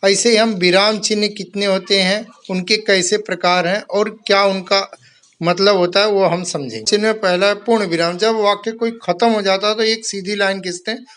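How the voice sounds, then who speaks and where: A man's voice: high voice, steady tone, moderate pace, fairly bright tone. A man teaching a Hindi grammar lesson to schoolchildren, explaining step by step and reading out example sentences. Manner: addresses pupils kindly as "my children".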